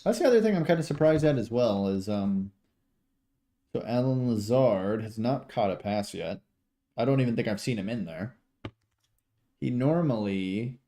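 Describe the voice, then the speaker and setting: A mellow American man with a fairly low pitch calls football casually on an amateur livestream. His play-by-play rambles into informal chat, full of swearing and sports betting slang.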